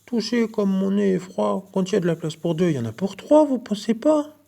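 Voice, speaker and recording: A man's voice: high voice, expressive, brisk, vocal fry, warm tone, pitched above the performer's own voice. A man voicing a small, freezing male rabbit in a picture-book reading, yelping and begging in a small voice.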